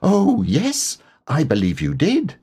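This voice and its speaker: A very small, timid piglet. The voice is high and swoops about, with a husky edge. He is bashful and eager, tripping over his words and repeating them. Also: huge pitch swings, slow pace, dark tone, heavily acted. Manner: hesitant, stammering with repeated words.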